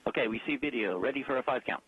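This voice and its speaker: A man's voice: medium pitch, lively intonation, husky, dry recording. A man at mission control doing clipped, procedural radio checks over a space-to-ground link. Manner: brisk, clipped call-and-response. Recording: dull, distant radio-loop sound.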